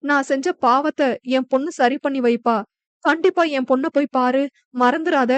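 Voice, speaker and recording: A woman narrator voicing a guilt-ridden middle-aged woman doctor who speaks in a hurried, pleading way. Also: high voice, steady tone, dry recording, lightly acted. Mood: frantic remorse.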